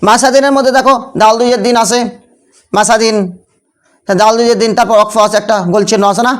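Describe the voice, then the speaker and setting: A man's voice: extremely high pitch, little pitch movement, fast, fairly bright tone, smooth. A man teaches tajweed as a classroom lesson. He keeps asking rhetorical questions and answers them himself. He often checks in with short tag questions. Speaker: Quran recitation teacher.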